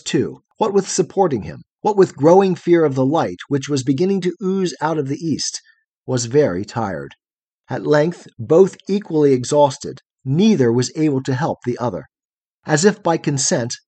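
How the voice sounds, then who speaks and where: A man narrating a fairy tale in an expressive, measured reading. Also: a little high, breathy edge, dry recording. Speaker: audiobook narrator. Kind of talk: storybook narration.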